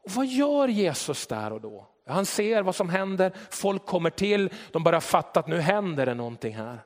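Guy preaching, high-ish voice, storytelling sermon with lots of rhetorical questions, long hall echo. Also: sing-song.

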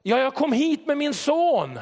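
A man's voice: very high-pitched, very animated, darkish tone, voice pushed up, heavily acted. A preacher voicing a desperate father who begs for help for his sick son, in a raised, pleading voice. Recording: long hall reverb.

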